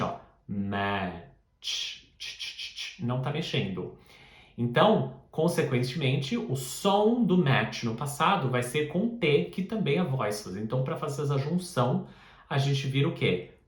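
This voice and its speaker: A man gives an English pronunciation lesson, his pitch leaping up and down as he stresses each ending. He talks slowly and carefully, repeating words over and over. The room around him rings with echo. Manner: lively, repeats and stresses sounds. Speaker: English teacher.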